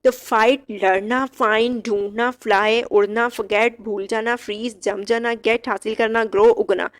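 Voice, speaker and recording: A woman teaching English verb forms, reciting each word slowly and clearly with short explanations. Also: fairly high pitch, fairly even intonation. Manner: slow, drilled word-by-word recitation. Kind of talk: vocabulary lesson.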